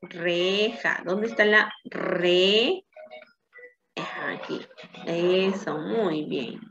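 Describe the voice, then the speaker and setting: Woman, teacher, children's phonics lesson, patient, very slow, soft music behind. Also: fairly low pitch, dull audio. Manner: patient, checks in with "¿sí?".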